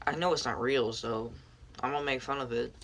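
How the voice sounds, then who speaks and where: Low-voiced crude sarcastic commentator woman. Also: steady tone, fairly quick. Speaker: commentary YouTuber. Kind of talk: profane reaction commentary.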